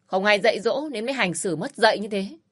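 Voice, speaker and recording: A woman's voice: medium pitch, lively intonation, a little fast, a bit bright, husky. A woman voicing a spiteful, bullying sister-in-law who sneers and hurls insults. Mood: spiteful yelling.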